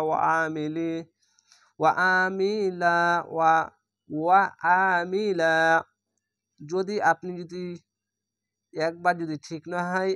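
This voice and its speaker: A male teacher from Bangladesh spelling out Quran recitation syllable by syllable, drawing out each sound slowly as he explains the rules. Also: fairly high pitch, fairly bright tone, smooth, dry recording, studio quality. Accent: Bangladeshi Bengali. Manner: slow, drawn-out syllable-by-syllable spelling.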